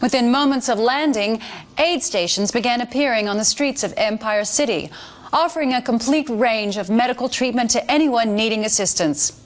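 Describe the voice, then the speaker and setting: Voicing a female American news anchor in a video game, an actress narrates scripted news broadcasts with measured, formal authority and a polished, upbeat mood. Her fairly high voice stays close to an everyday sound, and the character seems an earnest, polished mouthpiece for the government.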